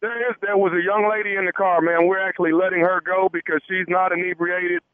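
Calm man posing as a police officer over the phone. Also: high-pitched, brisk, no room sound. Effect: heard over the phone. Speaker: radio prank caller. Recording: tinny phone line, dry.

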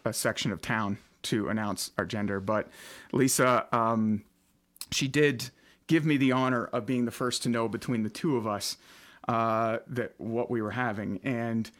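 A man's voice: mid-range voice, fairly even intonation, unhurried, a bit bright. A man, hosting a casual podcast from his basement studio and rambling with lots of fillers. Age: late 30s. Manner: chatty, rambling with many fillers. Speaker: podcast host and radio host.

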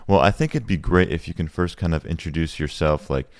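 A man's voice: sits low, fairly quick, no room sound. A man hosting a podcast, introducing the show and interviewing a guest in an upbeat, conversational way. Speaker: podcast host.

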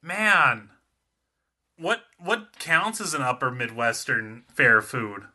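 A man co-hosting a sports podcast, spinning animated comic rants in casual chat. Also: medium pitch, slow pace. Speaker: podcast co-host, sports writer.

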